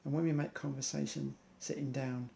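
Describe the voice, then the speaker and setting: A man's voice: mid-range voice, little pitch movement, brisk, vocal fry, mellow, a little hiss or hum. A man, an amateur athlete, earnestly reciting an inspirational monologue in loose rhymes.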